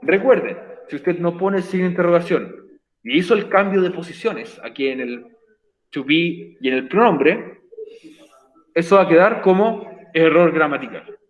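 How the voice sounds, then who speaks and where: A man's voice: fairly high pitch, animated, moderate pace, roomy sound, highs cut off. A man teaching an online English class, patient and encouraging, explaining step by step.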